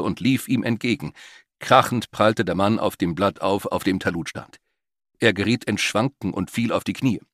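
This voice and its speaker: A man narrating a story aloud, reading in an expressive storytelling manner. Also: fairly low pitch, no room sound, studio quality. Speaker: audiobook narrator. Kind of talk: scripted narration.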